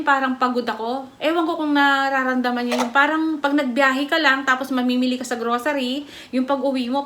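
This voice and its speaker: A middle-aged woman from the Philippines talks through a rambling personal testimony for her vlog. Her voice sits high and sounds bright and forward. She keeps circling back with fillers and restarts, like a relaxed chat with viewers. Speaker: vlogger giving a product testimony.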